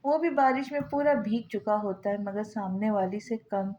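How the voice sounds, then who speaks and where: A woman narrating a novel in a steady storytelling manner with small slips. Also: medium pitch, normal speed, highs cut off. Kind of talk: novel reading.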